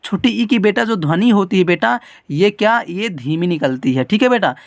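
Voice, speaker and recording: A teacher hosting a children's writing lesson, patient and repetitive, calling the viewer "beta" and dragging out letter sounds slowly. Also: medium pitch, lively intonation, creaky, dry recording. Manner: drags out letter sounds slowly when demonstrating. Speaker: teacher and channel host.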